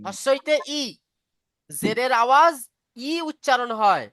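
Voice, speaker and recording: A woman's voice: on the high side, slow pace, a bit bright. A woman teaching a beginner reading class online, patiently explaining step by step and asking if students follow.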